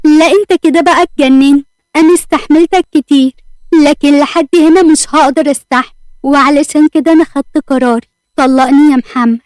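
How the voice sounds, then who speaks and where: Lady voicing a fed-up egyptian wife yelling fast, dry close sound. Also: high voice, fairly even intonation, no echo, natural voice. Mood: outraged. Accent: Egyptian Arabic. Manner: heated, loud, pleading. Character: young wife, proud, furious, demanding divorce.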